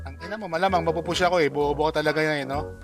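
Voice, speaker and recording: A man, trash-talking loudly and swearing while streaming a mobile game. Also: a little high, fairly even intonation, racing, over music. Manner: loud, taunting, swearing, laughing. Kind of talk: trash-talking live gameplay banter.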